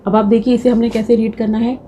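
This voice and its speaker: A woman's voice: on the high side, level tone, fast, dark tone, a little hiss or hum. A young woman teaching a shorthand class, patiently explaining step by step and mixing in English terms. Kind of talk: classroom lecture.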